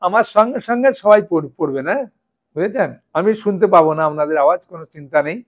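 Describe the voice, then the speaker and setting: A man teaching a scripture class, explaining with stories and checking in with his listeners often. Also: high voice. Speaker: Gita teacher.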